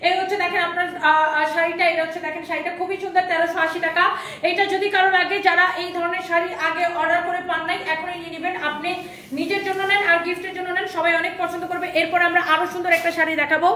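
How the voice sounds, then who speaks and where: A woman selling clothes on a live stream, repeating prices in a quick pitch, her throat sore and strained. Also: flat delivery, sharp tone, roomy sound, distant mic, slight background noise. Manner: fast repetitive sales pitch, repeats prices. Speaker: online clothing seller.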